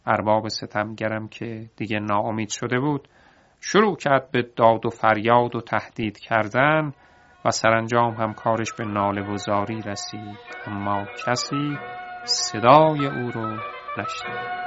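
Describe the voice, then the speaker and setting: A man narrating an audiobook folk tale in a steady, expressive storytelling voice. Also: fairly low pitch, soft background music. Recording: dull lo-fi audiobook recording.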